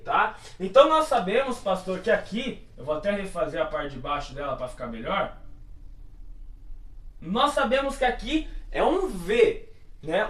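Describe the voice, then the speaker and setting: A man's voice: sits high, far from the mic. A Brazilian man, a pastor, explaining Bible words in a teaching style. He poses questions to himself and answers them, with frequent checking tags. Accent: Brazilian Portuguese. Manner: explanatory, asks and answers his own questions. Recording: echoey room, voice off-mic.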